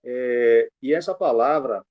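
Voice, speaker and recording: A man's voice: mid-range voice, takes it slowly, lo-fi sound. A man who is a pastor, explaining Greek word meanings to a church book club over a video call in a teaching tone. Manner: explanatory, teaching tone with frequent fillers.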